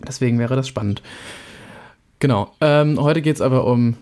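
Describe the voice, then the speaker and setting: A man's voice: mid-range voice, normal speed, darkish tone. A young man co-hosting a podcast in casual chat, chatty and teasing. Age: young adult. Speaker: podcast co-host.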